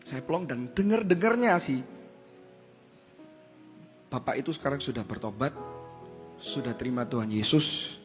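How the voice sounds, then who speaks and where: A young adult man, a worship leader, telling his testimony in a sermon, moving between hushed and loud, emotional storytelling. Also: medium pitch, expressive, moderate pace, long pauses, soft background music.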